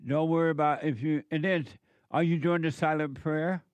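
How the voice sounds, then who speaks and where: A man's voice: on the high side, fairly even intonation, moderate pace, clear, resonant tone, no echo. A man hosting an advice show, talking bluntly and directly in a casual, colloquial way.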